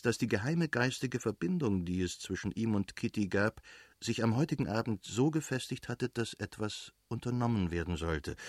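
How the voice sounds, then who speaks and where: Male audiobook narrator, measured literary read, lowish voice. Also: a little mellow, no room sound, studio quality. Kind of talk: scripted narration.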